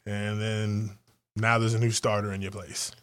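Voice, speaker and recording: A man cohosting a podcast, telling raunchy stories in a profane, animated way and acting out voices. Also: fairly low pitch, normal speed, clear, resonant tone. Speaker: podcast co-host. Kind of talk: raunchy comedic banter.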